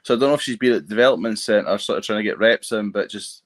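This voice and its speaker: A man's voice: on the low side, fast talker. A man co-hosting a casual chat, hesitant and often trailing off mid-thought. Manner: hesitant, trails off while thinking. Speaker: co-host. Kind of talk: casual chat, live reactions. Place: at home watching TV.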